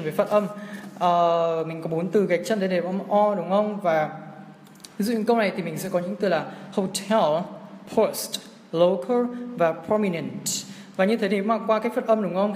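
A man's voice: sits high, darkish tone, a little hiss or hum. A young man teaching on a livestream, walking through an exam in a chatty way and often checking in with his viewers. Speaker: English teacher. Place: indoor room, filming his screen for a livestream. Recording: echoey room with long reverb.

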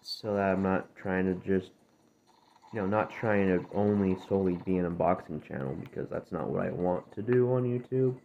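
Freshly awake, a man sits low in his range at normal speed, his voice dry and gravelly as he chats through gameplay for his channel. He rambles, wanders off topic and fixes his own words, all on tinny phone screen-recorder audio with a little noise.

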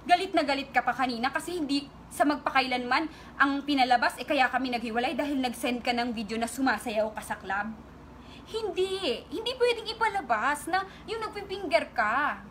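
A woman's voice: sits high, expressive, brisk, a bit bright, slight background noise. A woman vlogger with a Filipino accent, angrily and tearfully speaking straight to her critics in an emotional online rant.

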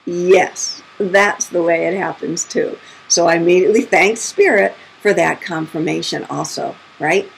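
Middle-aged woman medium, casual storyteller, low and gravelly, faint tape hiss. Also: moderate pace, few pauses, rough recording. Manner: chatty, acts out quotes with big pitch jumps. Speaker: spirit medium.

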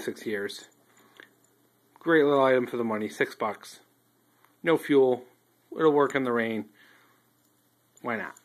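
Rambling man showing gear on a phone. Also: mid-range voice. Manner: relaxed, rambling, many ums and restarts. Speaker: outdoors gear reviewer. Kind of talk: casual show-and-tell review. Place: indoors at a wooden table. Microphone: handheld phone filming table close up.

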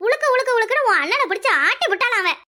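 A woman's voice: very high-pitched, animated, racing, sharp tone, heavily acted. A woman with a Kanyakumari Tamil accent voicing an aggrieved older village mother in a cartoon, complaining theatrically. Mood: scolding. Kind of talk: animated cartoon comedy dialogue.

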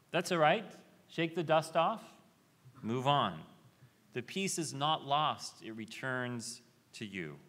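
A man in his thirties preaching a sermon from a podium microphone in a large convention hall, measured and reflective, with rhetorical questions. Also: on the high side, bright, forceful tone. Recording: reverberant hall.

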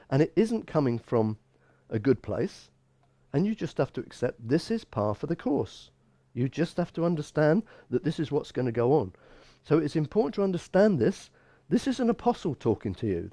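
Speaking in a small indoor church room with no room sound, this man in his sixties, a bishop and pastor, delivers an expository sermon teaching from the Bible. His voice is a little high and warm, his manner emphatic, and he often repeats phrases.

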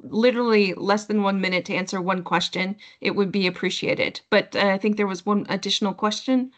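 A woman from Norway speaking informally as an organizer in an online meeting. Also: mid-range voice. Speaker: webinar organizer. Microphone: video call.

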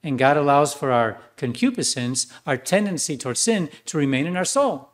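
A man's voice: a little high, lively intonation, normal speed. A man preaching a sermon as a priest, earnest, with some fillers and restarts.

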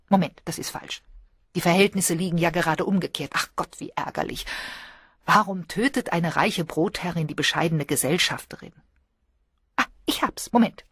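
Woman voicing an eager older lady, brisk, animated, self-correcting, husky, audiobook. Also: fairly low pitch, no echo, studio quality. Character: older married English lady, eager and opinionated.

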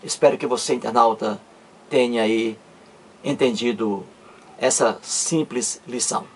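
A man teaching a grammar lesson, patient and repetitive, spelling letters out slowly and checking with tag questions. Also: mid-range voice, fairly even intonation, slight background noise. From Ceará, Brazil.

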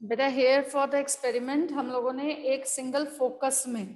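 A woman's voice: high-pitched, steady tone, rapid-fire, darkish tone, soft background music. A young woman with a North Indian accent, a native Hindi speaker, teaching in a classroom manner and checking understanding with short tag questions. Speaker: biology teacher. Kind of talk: classroom explanation mixing English and Hindi. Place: indoor classroom at a blackboard, speaking through a face mask. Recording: roomy, echoing classroom sound.

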